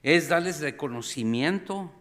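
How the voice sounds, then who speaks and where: A middle-aged man preaching a sermon as pastor, animated, acting out scenes with sudden cries and calling the congregation brothers and sisters. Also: a little high, unhurried. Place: church sanctuary. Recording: long reverb of a church hall.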